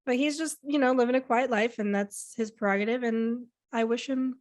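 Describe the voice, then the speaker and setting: A woman's voice: on the high side, steady tone, moderate pace. A young woman co-hosting a film podcast in casual chat, rambling with many fillers and restarts. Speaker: podcast co-host.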